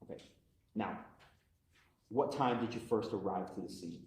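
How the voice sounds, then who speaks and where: A man questioning a witness as prosecutor in a measured way, heard in a courtroom recording. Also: fairly low pitch, a little mellow. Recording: echoey courtroom audio.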